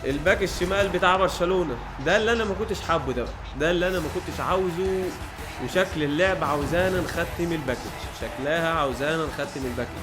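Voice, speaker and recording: A man's voice: a little high, rapid-fire, over music. A man with an Egyptian Arabic accent giving chatty gameplay commentary, talking to the game and his viewers as he groans at misses and cheers at wins. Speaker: gaming YouTuber.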